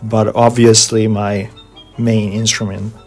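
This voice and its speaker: A middle-aged Hungarian man, a guest organist and composer, answering interview questions in measured English with frequent pauses and fillers. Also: on the low side, little pitch movement, darkish tone, soft background music.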